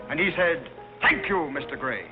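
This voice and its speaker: An actor playing a jovial society gentleman in 1930s film screwball comedy banter, bluffing his way along with stammers. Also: a little high, lively intonation, moderate pace, natural voice. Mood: improvising, bluffing. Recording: muffled 1930s film soundtrack, music behind.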